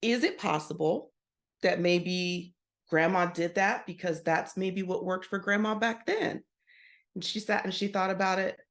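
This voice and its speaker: A woman's voice: lowish voice, a little slow. A woman guest on a podcast interview, a coach who explains her method by telling client stories and acting out the dialogue. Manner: storytelling, acts out client dialogue. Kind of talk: conversational interview.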